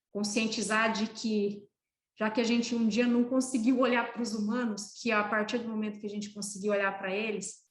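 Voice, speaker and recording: A Brazilian woman veterinarian, a guest in an interview, talking in an earnest, poetic and emphatic way. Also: mid-range voice. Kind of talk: reflective interview talk. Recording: roomy echoey sound.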